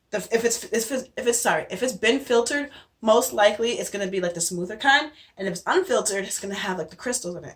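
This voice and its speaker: A woman's voice: medium pitch, a bit bright. A young adult woman giving a casual skincare tutorial, chatty and out of breath, with many fillers and restarts. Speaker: beauty vlogger.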